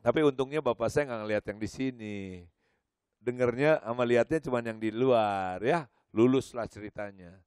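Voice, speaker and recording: An older man preaching at a church service, telling personal stories in an animated way and acting out the dialogue. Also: medium pitch, clear, resonant tone, dry recording, studio quality. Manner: animated storytelling, acts out dialogue. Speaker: pastor. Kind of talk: sermon.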